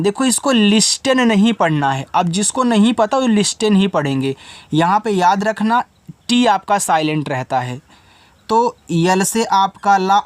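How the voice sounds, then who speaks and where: Patient teacher slowly spelling out words. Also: mid-range voice, no echo. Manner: spells letters slowly, then explains and quizzes students. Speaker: English teacher. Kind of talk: spelling lesson, sounding out English words.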